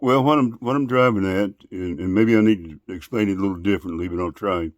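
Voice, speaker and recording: A man in casual phone conversation, asking questions in a polite, deliberate, long-winded way. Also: sits low, no echo, highs cut off. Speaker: call recipient.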